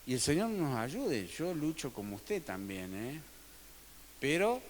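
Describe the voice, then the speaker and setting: A man preaching a sermon as pastor, swinging between loud emphatic peaks and soft, low drops. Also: a little hiss or hum. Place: church sanctuary. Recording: long reverb of a church hall.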